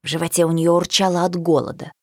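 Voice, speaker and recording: A woman narrating a children's storybook with an expressive, lively reading. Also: fairly low pitch, fast, dry recording, clean studio sound.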